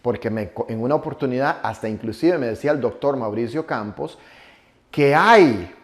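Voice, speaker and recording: A man's voice: mid-range voice, expressive, normal speed. A Costa Rican man in his forties giving a motivational conference talk, emphatic and colloquial, with local slang. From Costa Rica. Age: 40s. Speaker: motivational speaker.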